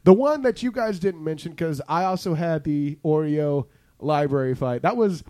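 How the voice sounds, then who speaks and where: A man's voice: on the high side, normal speed, dark tone, no echo. A man hosting a podcast in casual chat, rambling and joking, acting out lines from ads. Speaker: podcast host.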